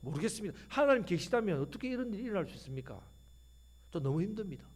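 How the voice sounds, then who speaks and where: A man's voice: high voice, sing-song, rapid-fire, breathy edge, exaggerated voice. A man voicing a wronged young man who pleads in distress, asking aggrieved questions. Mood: aggrieved pleading.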